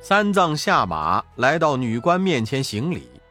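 Lively male children's storyteller. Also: mid-range voice, measured pace, soft background music.

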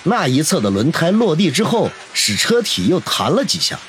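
A man narrating a novel in a dramatic, expressive storytelling voice. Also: fairly high pitch, moderate pace, a little hiss or hum. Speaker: audiobook narrator.

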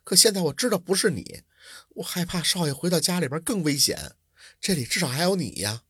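A male storyteller voicing an anxious young female servant who speaks softly and pleadingly. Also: fairly high pitch, lively intonation, brisk, breathy edge, dry recording, clean studio sound. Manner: soft, hushed, pleading.

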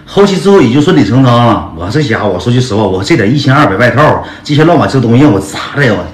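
Fast, lively man telling a story. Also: medium pitch. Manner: rambling, slangy, calls listeners brothers. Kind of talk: casual personal storytelling. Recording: echoey room with guitar music.

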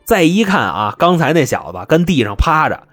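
A man's voice: fairly high pitch, very animated, normal speed, a bit bright, faint music behind. A man telling a comic crime story in a chatty, punchy, colloquial way.

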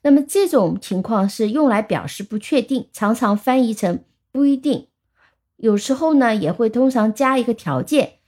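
A woman teaches words. She talks at a fairly high pitch, explains each point patiently and slows right down to read every example sentence. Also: lively intonation, a little mellow. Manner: explains patiently, reads English examples slowly. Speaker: English teacher. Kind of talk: vocabulary lesson.

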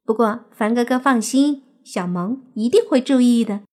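A woman's voice: a little high, moderate pace, darkish tone, voice pushed up, close to an everyday voice. A woman voicing a playful, cute young female fox spirit in a coy, sweet, bubbly way. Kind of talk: audiobook character voice.

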